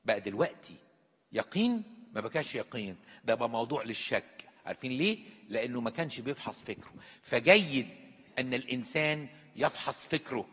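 A man's voice: mid-range voice, expressive, brisk, slightly rough, big-room sound, muffled recording. A male priest with an Egyptian accent, preaching an emphatic sermon full of rhetorical questions. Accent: Egyptian Arabic. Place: church.

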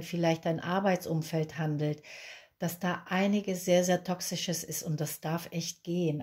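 A woman's voice: lowish voice, darkish tone. A woman in her fifties, born in Peru, giving a chatty, reassuring tarot reading at a candlelit table and repeating words for emphasis. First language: Spanish. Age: 50s. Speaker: tarot reader.

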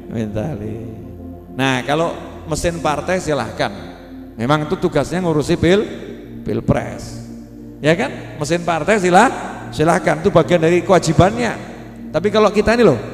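A man with a Javanese accent giving a folksy, humorous sermon to a congregation. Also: a little high. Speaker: preacher. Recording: echoey hall with music.

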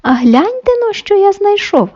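A woman voicing a patient, hardworking little male rooster in a bedtime story, calling out loud and high. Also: big pitch swings, unhurried, lo-fi sound.

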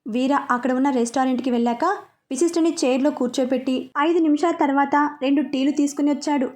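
High-voiced woman reading a story. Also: fairly even intonation, fast, warm tone. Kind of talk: reading a serialized romance story.

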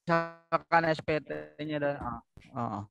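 Male caller on a bad line that keeps breaking up; hesitant, fumbling delivery, pitched a bit high. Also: a little slow, vocal fry, lo-fi sound. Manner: hesitant, many fillers. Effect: internet connection breaking up, voice cutting out. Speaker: webinar participant asking a question. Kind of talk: casual question over a video call. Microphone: remote call mic far from router.

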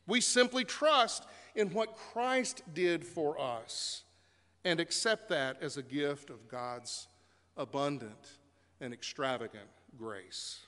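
A male pastor with a high, bright, forceful voice delivers a sermon, easing into stories with a relaxed, conversational flow and the odd "uh." His words ring out with the long reverb of a church sanctuary. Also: takes it slowly. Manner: conversational storytelling with fillers.

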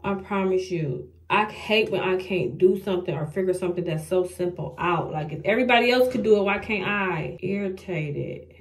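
A woman's voice: fairly low pitch, a little fast, few pauses. A young woman doing a casual get-ready-with-me beauty vlog, talking straight to her viewers and sounding frustrated and self-mocking as she struggles. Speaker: beauty vlogger.

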